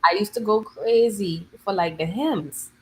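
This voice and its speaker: A Bahamian woman in her thirties, a guest musician, chatting in an interview and telling her stories in lively local slang. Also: medium pitch, a little slow, a little hiss or hum, low-quality recording. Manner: animated storytelling, lively dialect slang. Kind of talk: casual interview chat.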